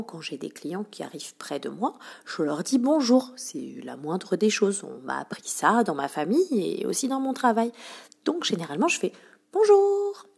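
A woman's voice: medium pitch, creaky, a little mellow, slightly rough. A woman podcaster telling comic stories from her shop job in a chatty, playful way, full of fillers. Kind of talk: comic anecdote monologue.

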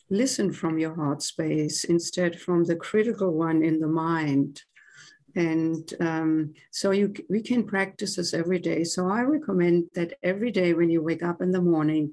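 A woman with a German accent, a podcast guest speaking in a slow, soothing, meditative way. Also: lowish voice, darkish tone, rough recording. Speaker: guest, tantra teacher. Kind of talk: podcast interview.

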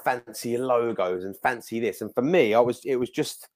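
A man's voice: mid-range voice, moderate pace, a little mellow. A British man chatting casually in a blokey, plain-spoken, self-questioning way. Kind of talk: casual chat.

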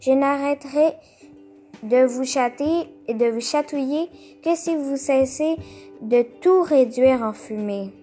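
A woman's voice: sits high, takes it slowly, mellow, soft background music. A woman voicing a cheerful, clever little man with long arms, reading a storybook aloud. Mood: firm.

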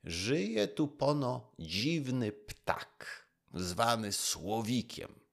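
A man's voice: mid-range voice, big pitch swings, drawn-out words, vocal fry, pitched above the performer's own voice, heavily acted. A man voicing a proud, vain old emperor who gives orders in a demanding way. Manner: imperious, demanding.

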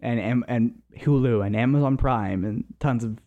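An enthusiastic speaker in casual chat. They talk quickly and ramble from one point to the next. The voice sits at a middling pitch. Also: phone-quality sound.

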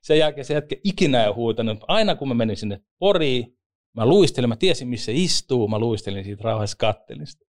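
A man, an ice hockey referee and former league player, telling lively joking anecdotes in a casual interview. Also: medium pitch.

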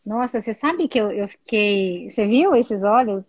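A woman's voice: medium pitch, lively intonation, moderate pace, slightly rough, highs cut off. A woman with a Brazilian accent hosting a casual live stream, chatty and effusive as she greets viewers by name. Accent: Brazilian Portuguese.

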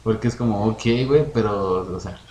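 A young man with a Mexican Spanish accent, chatting casually as a podcast co-host, telling animated stories full of slang and acted-out quotes. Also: on the low side, a little fast, highs cut off. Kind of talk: casual chat. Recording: roomy echo, faint noise.

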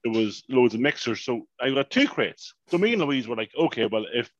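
Animated man telling a story. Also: mid-range voice, fairly quick, no echo, dull audio. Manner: animated, swears freely, repeats "mayhem" and "unbelievable". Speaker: podcast co-host. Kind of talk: casual storytelling chat.

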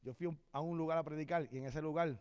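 A man preaching a sermon as a visiting preacher, telling stories lively, acting out the dialogue and building to shouted peaks. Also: fairly high pitch, fast talker, smooth.

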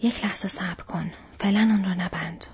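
A commanding old wizard, whispered by a woman in whispered role-play, the breathy, husky voice pressing on with urgency. The recording sounds dull and lo-fi. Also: mid-range voice, fairly even intonation, darkish tone.

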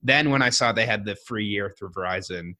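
A man hosting a podcast, chatting casually with his co-host in a relaxed, rambling way. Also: fairly low pitch, fairly quick. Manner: relaxed, chatty, with fillers and restarts.

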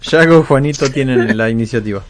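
A man running a tabletop game, narrating in a lively, animated way. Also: medium pitch, a little fast, heavy background noise. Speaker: game master.

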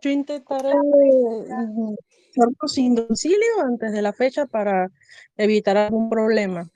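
A woman, calling in to ask questions in a measured, hesitant way. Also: fairly high pitch, warm tone, no echo. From Venezuela. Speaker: caller. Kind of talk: asking questions on a call-in.

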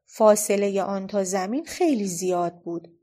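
A woman narrating a children's storybook in a steady, expressive read-aloud manner. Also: mid-range voice.

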